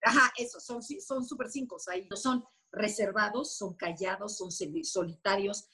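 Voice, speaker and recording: A woman explaining personality types in a lively, conversational way, often acting out little quoted voices. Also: medium pitch, normal speed, slightly rough. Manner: animated, acts out quoted voices. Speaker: enneagram expert guest.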